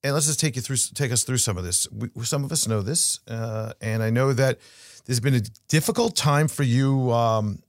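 A man's voice: medium pitch, normal speed, no echo. Reflective man hosting a podcast. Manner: conversational, many fillers, reflective. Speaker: podcast host. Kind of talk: podcast interview.

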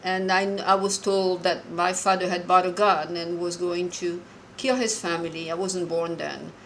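Earnest, halting woman in her sixties. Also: fairly low pitch, flat delivery, fairly bright tone, slight background noise, low-quality recording. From Morocco. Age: 60s. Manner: earnest and halting, with frequent restarts. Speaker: caller. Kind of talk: personal story told on a call-in show.

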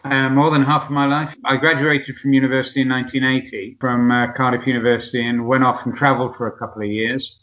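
A man's voice: medium pitch, little pitch movement, fast, few pauses, fairly bright tone. A man in his sixties from Essex with a southern English accent, chatting reflectively and hesitantly as an interview guest. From Essex, England. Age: 60s. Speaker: podcast guest. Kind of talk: conversational interview, personal anecdotes. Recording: dull, lo-fi audio.

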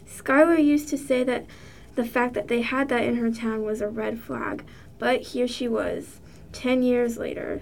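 A woman reading aloud a short spooky story, in a plain, steady storytelling manner. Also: a little high, gravelly, a little hiss or hum. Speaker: story reader.

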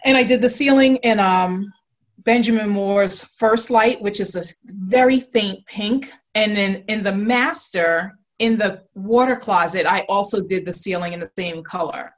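A woman's voice: medium pitch, measured pace. A woman guest on a video call talking about her design work, gushing and full of fillers. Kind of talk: casual interview.

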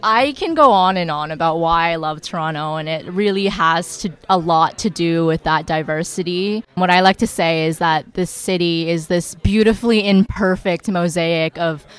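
A woman's voice: fairly low pitch, moderate pace, few pauses, a bit bright, smooth. A young woman giving a reflective interview answer, articulate and thoughtful.

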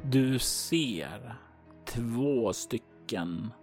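A man narrating a tabletop role-playing game as game master, describing scenes and calling for dice rolls in a calm, measured way. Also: mid-range voice, soft background music.

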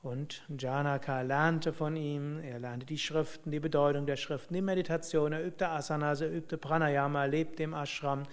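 A man telling a spiritual story and drawing lessons from it, in a reflective, unhurried way with musing hums. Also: fairly high pitch, fairly even intonation, smooth. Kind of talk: spoken storytelling and teaching.

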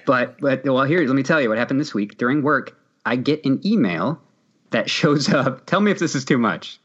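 Brief: man, mid-pitched, teasing co-host, dull lo-fi recording. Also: lively intonation, husky. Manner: wry, teasing, quick to laugh. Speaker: podcast co-host. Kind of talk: casual chat. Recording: dull lo-fi mic.

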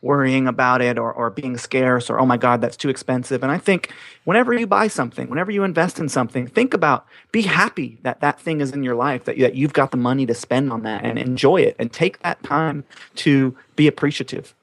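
An earnest man co-hosts a casual podcast and speaks encouragingly, sometimes restarting his sentences. His voice has a gravelly edge, and the recording is dry and close with no room sound. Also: mid-range voice, brisk, fairly bright tone, dry recording. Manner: earnest, encouraging, a little hesitant. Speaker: podcast co-host.

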